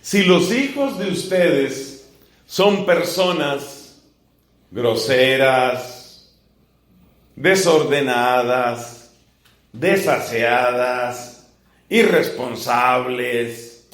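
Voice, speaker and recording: A man preaching as a friar in a teaching sermon, building slow emphatic lists and asking rhetorical questions. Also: medium pitch, expressive, a bit bright. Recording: echoey room.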